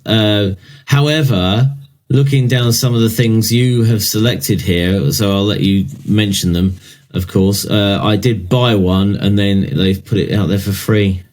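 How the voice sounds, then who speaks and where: A man's voice: lowish voice, steady tone, unhurried, darkish tone. A man co-hosting a podcast, chatting casually in a joking, self-deprecating way. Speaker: podcast co-host.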